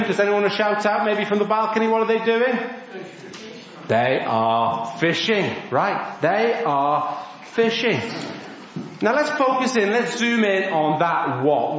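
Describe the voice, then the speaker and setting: A man preaching an animated all-age sermon in a church, asking the congregation questions and acting out voices. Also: sits high, slight background noise. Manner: lively, asks the congregation questions, acts out voices. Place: church hall. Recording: echoey church, dull lo-fi sound.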